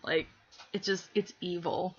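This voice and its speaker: Young woman streamer, scratchy throat from a cold, giggly and rambling, lowish pitch, muffled lo-fi sound. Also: little pitch movement, a little slow. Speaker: live streamer. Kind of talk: casual live-stream chat. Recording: dull lo-fi stream audio.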